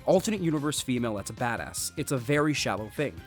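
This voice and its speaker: Male game reviewer, sarcastic and jokey, animated pitch, scripted voice-over with low music bed. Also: fast talker. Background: faint background music.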